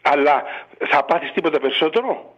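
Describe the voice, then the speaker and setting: Speaking fatherly and exhortingly during a radio interview, this monk leans heavily on rhetorical questions. His expressive voice runs on the high side, coming through dull lo-fi radio sound via a studio or phone line.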